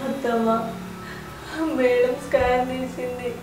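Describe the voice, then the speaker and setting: An actress playing a frightened young pregnant daughter-in-law, speaking in a subdued, fearful way. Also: female voice, fairly high pitch, completely flat delivery, slow pace, over music. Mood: worried. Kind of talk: short film acting. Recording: echoey room, distant mic.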